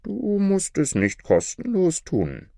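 Cunning rough bandit, brusque and pushy, lively swinging voice, dry sound, voiced by a man. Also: sits high, takes it slowly, no room sound, pitched above the performer's own voice, full character voice. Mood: scheming.

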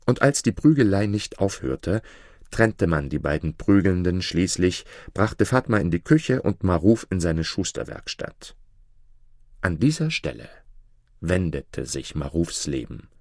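Deep guy reading a fairy tale, very lively up and down, dry close sound. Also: unhurried, dry recording. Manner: expressive, varied intonation. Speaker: storyteller. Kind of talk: read-aloud fairy tale narration.

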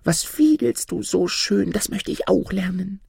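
A man voicing a small, timid, admiring hare in a storybook reading, speaking softly and pleadingly. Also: high voice, animated, measured pace, creaky, breathy edge, dry recording, studio quality, pitched above the performer's own voice, full character voice. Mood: eager pleading.

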